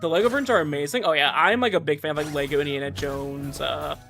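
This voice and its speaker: Streaming a game over background music, this man talks fast at a fairly high pitch, with vocal fry and a bright, forceful tone. His casual chat is enthusiastic and rambling, and he often restarts his sentences.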